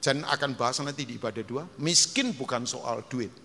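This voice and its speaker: A man preaching a sermon as pastor, emphatic and animated, acting out quotes and dropping English phrases. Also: mid-range voice, fairly quick. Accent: Indonesian. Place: large church hall. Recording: long hall reverb, faint noise.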